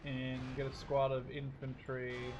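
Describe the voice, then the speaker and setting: A Canadian or Dutch man in his twenties hosts a gaming video, giving casual, sweary let's play commentary and thinking aloud as he plays. His mid-range voice is monotone, unhurried and a bit dark, and the rough recording carries war-game artillery, gunfire and vehicle noise behind him.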